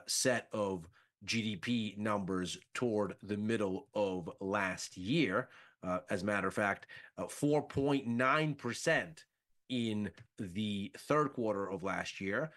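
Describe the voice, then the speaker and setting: Male analyst, unhurried and methodical, explains market expectations step by step. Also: on the low side, a bit bright. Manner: measured, methodical, rhetorical questions.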